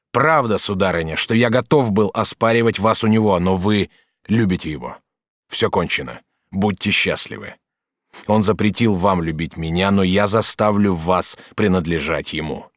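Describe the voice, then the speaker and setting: A man reading an audiobook, voicing a noble, grieving older master artist who speaks in halting, broken phrases. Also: low voice, no echo, studio quality, lightly acted. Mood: grave. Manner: halting, broken, restrained sorrow.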